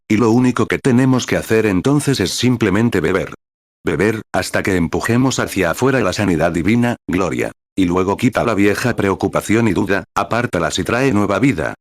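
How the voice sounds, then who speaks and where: A man reading a translated sermon aloud in a steady, even preaching cadence, calling out the paragraph numbers as he goes. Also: lowish voice, no echo, clean studio sound.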